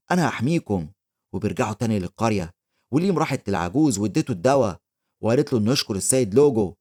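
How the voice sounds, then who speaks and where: A man with an Egyptian Arabic accent rapidly retelling a comic story as a recap narrator. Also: mid-range voice. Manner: rapid, steady retelling, reads character quotes in his own voice.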